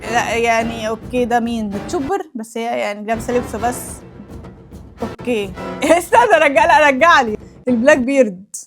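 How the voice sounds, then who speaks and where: Egyptian woman, young, high bright voice, fast teasing reaction host with faint music under her. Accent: Egyptian Arabic. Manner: exclaiming, teasing, laughs often. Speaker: anime YouTuber. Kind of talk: reaction commentary.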